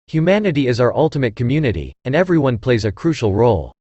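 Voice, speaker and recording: A man with a deep, firm voice reading motivational quotes as solemn, measured scripted narration. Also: sing-song, a little mellow, no room sound, lo-fi sound.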